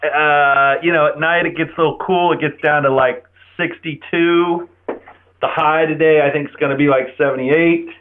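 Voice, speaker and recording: A man in his forties from Florida, United States, chats casually as an interview guest over a narrow-band telephone line. His voice is a little high, steady in tone, at a moderate pace, with slight background noise.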